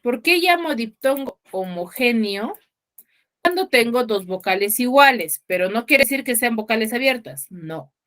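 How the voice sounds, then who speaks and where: A woman's voice: a little high, animated, normal speed, a bit bright. A woman teacher giving an online class, patient and checking in with students often. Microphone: video call.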